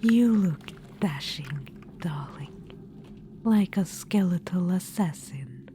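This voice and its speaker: Voicing an ancient undead witch-queen in an ASMR roleplay, a woman whispers softly with a coaxing, mildly condescending tone, calling the listener darling. She sounds low, animated and slow, with a sly mood and a little hiss or hum in the recording.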